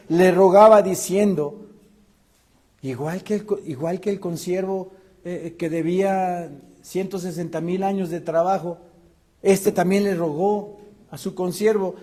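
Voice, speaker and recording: A high-pitched man preaches a sermon as pastor, posing rhetorical questions to the congregation. His delivery swings between loud and hushed.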